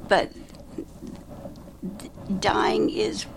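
A woman speaking haltingly and searching for words, often in a breathy half-whisper, with clear noise behind her. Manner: halting, searches for words, repeats short agreements. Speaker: group member.

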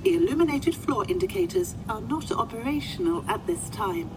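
A woman acting in a science fiction audio drama voices a female medical ward computer assistant: formal, literal-minded, unflappable, polite and helpful. Her voice is high with big pitch swings at a moderate pace, and clear ambient noise sits in the background.

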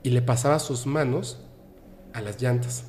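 Hombre mexicano contando una anécdota animada. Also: male voice, mid-range voice, a little slow, soft background music. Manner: animated, acts out the people he quotes, laughs often. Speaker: podcast guest. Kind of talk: casual storytelling.

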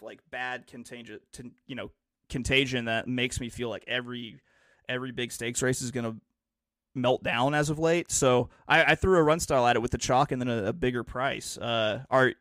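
A man's voice: medium pitch, steady tone, normal speed, a bit bright, dry recording, clean studio sound. A man hosting a casual podcast, thinking aloud through his betting picks in a rambling, restart-heavy way. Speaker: podcast host and horse racing handicapper.

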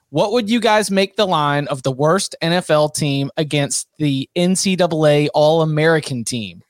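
A man's voice: on the high side, dry recording, studio quality. A man co-hosting a casual sports podcast, playful and emphatic. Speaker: podcast co-host.

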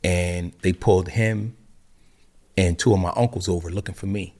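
A man's voice: low-pitched, fairly even intonation, normal speed, a little mellow. A man, an interview guest, telling his side in a plain, matter-of-fact way. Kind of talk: casual storytelling.

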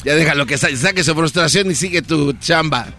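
Male sidekick, teasing quips, fairly high and bright. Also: a little fast. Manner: teasing, chiming in. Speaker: radio co-host. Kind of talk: comic radio banter.

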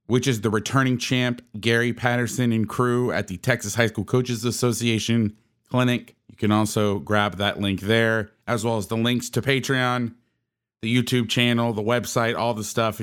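A man's voice: on the low side, smooth. Upbeat male podcast host. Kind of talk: casual podcast talk.

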